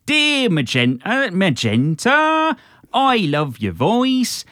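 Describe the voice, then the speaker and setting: A man voicing a gushing, earnest Norfolk letter writer in a broad Norfolk accent, reading slowly and comically with drawn-out words. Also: medium pitch, huge pitch swings, fairly bright tone, dry recording, clean studio sound, voice pushed up, full character voice. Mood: earnest, drawling. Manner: slow, drawn-out, heavily exaggerated delivery.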